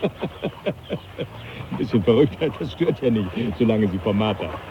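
A man acting in a German radio drama as a jovial, teasing older professor, animated and patronising in an avuncular way. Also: fairly low pitch, unhurried. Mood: amused, gossipy. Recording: dull radio drama, loud background noise.

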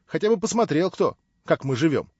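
A man voicing a fussy, fretful young woman hostess who scolds and pleads by turns, his voice raised high. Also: big pitch swings, brisk, a little mellow, slightly rough, dry recording. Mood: fussing, scolding. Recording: dull, dry recording.

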